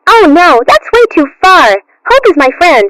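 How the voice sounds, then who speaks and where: Very squeaky, childish clown kitten. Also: female voice, very animated, moderate pace, a bit bright, a little hiss or hum, exaggerated voice, low-quality recording. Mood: friendly, earnest. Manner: bubbly children's-show presenter patter. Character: childish, cheerful female clown kitten party entertainer. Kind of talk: cartoon character acting.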